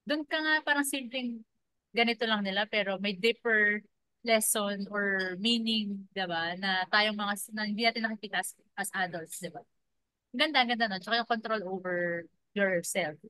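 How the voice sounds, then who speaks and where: Bright, encouraging woman host. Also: mid-range voice, moderate pace, dry recording, poor audio. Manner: encouraging, affirming, mixes Tagalog and English. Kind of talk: casual podcast chat.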